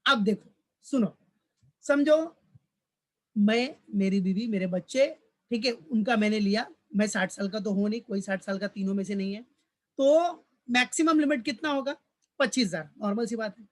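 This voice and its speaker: In this recorded tax lecture, delivered in a mix of Hindi and English, a college commerce lecturer speaks at a moderate pace with a high-pitched voice. Fatherly in manner, he calls his students "beta," repeats every point, and keeps posing questions that he then answers himself.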